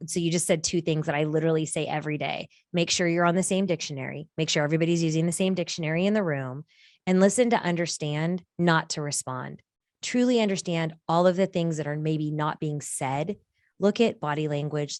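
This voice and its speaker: A woman guest on a video-call podcast tells an animated, lively story, her voice leaping high in big pitch jumps whenever she acts out what other people said. The recording is dry and close, with no room sound and no echo.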